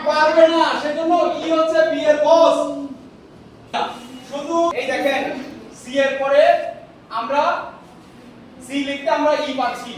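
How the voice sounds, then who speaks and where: High-pitched guy teaching, repeats questions a lot, far off mic in an echoey room. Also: a little hiss or hum. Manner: repeats questions, drills class. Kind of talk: classroom teaching, call and response. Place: large echoey classroom.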